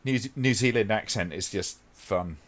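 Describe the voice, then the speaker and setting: A man with a deep, low voice hosts a laid-back watch-along stream. He chats loosely with his viewers, wandering between thoughts and filling pauses with ums and uhs. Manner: relaxed, rambling, many ums, talks to chat by name. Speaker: live stream host. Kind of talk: casual watch-along chat.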